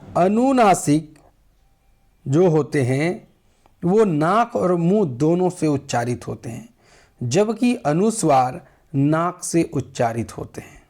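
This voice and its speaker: A man's voice: on the high side, very animated, a little slow, a little mellow. A male teacher giving a Hindi grammar lesson, explaining step by step and asking the class questions.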